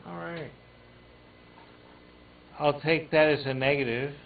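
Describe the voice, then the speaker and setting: A man hosting an amateur radio net check-in, speaking haltingly with many fillers over tinny radio audio with faint static. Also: fairly high pitch, steady tone, gravelly, distant mic. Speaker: net control host of a ham radio net.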